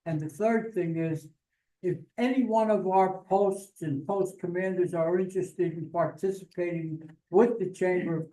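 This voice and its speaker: A man's voice: a little high, mellow. A man with an American accent giving a vice commander's report at a veterans' meeting, speaking plainly with frequent fillers. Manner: plain, halting delivery with many fillers. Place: meeting hall. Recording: echoey room, voice from far off.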